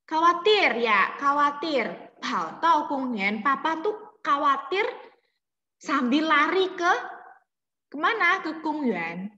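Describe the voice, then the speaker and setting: A woman's voice: high voice, very animated, slow, bright, forceful tone, lo-fi sound. A young woman teaching Mandarin on a video call, explaining in Indonesian mixed with Mandarin and quizzing her students. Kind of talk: online class teaching. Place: home room on a video call. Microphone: video call mic. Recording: echoey room with long reverb.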